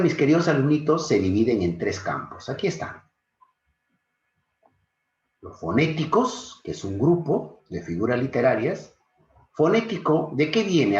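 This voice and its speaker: A man gives an online literature lesson. His low voice swings widely in pitch as he quizzes his students and adds fond teacherly asides. The sound is dull and lo-fi, with an echoey room around him over a video call. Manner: animated, questions students often, affectionate teacherly asides. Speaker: secondary school literature teacher. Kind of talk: online class lecture.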